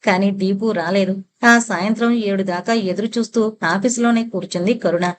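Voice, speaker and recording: A woman narrating an audio novel in a steady, measured reading voice. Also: mid-range voice, a little hiss or hum.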